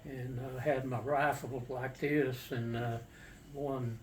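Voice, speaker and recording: An older man, a war veteran, casually recounting his memories in a halting, matter-of-fact, plain-spoken way. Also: mid-range voice, fairly even intonation, darkish tone. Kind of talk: casual personal storytelling. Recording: distant mic with faint background noise.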